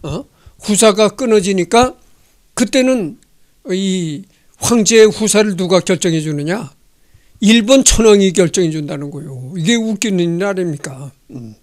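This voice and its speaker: Chatty older man lecturing, higher voice. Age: 60s. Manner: chatty, digressive, asks rhetorical questions. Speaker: history channel host. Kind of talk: casual lecture reading and commenting on a text. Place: indoor home studio. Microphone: handheld microphone.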